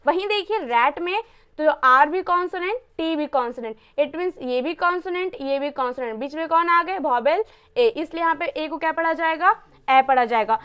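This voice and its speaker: A woman's voice: high-pitched, normal speed, a bit bright. A woman teaching English pronunciation in a classroom style, asking herself questions and answering them, and spelling words out letter by letter. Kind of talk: classroom-style lesson explaining pronunciation rules.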